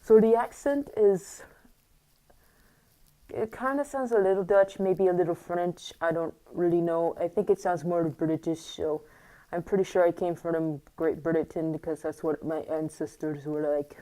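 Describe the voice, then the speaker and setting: Young woman vlogger, low-pitched, hesitant and rambling, mask on, a bit morning-squeaky. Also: steady tone, normal speed, dark tone, rough recording. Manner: rambling and hesitant, many fillers and restarts. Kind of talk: casual rambling monologue to camera. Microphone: wearing a mask.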